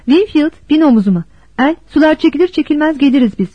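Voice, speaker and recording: A woman's voice: high voice, animated, fast, no room sound, voice pushed up. A woman voicing a worried, determined mother of a poor family, urgent and commanding, on a dull, dry recording.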